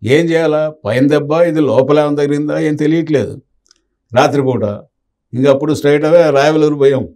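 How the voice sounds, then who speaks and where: An older man tells stories from his police years, slipping into the voices of the people in them. His voice is dark and mellow, and he talks at an ordinary pace. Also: a little high, steady tone, moderate pace. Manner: anecdotal, acts out quoted dialogue. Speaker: retired police officer recounting memories. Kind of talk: storytelling in an interview.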